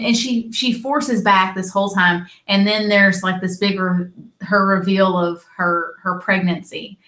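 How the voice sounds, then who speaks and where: A woman co-hosting a casual review chat, earnest and halting as she retells scenes. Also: mid-range voice, sharp tone, reverberant. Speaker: co-host reviewing a TV episode.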